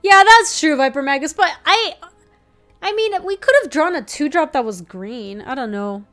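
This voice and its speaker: With soft background music playing, this young Ecuadorian woman, a native Spanish speaker, chats through a live card-game stream, reading chat aloud and reacting fast with laughs. Her voice is high-pitched, animated and a bit bright.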